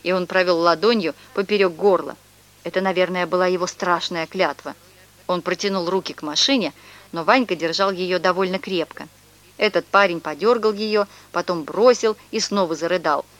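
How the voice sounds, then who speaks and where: A woman telling a children's story in a lively, expressive way. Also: fairly low pitch, moderate pace. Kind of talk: storybook reading.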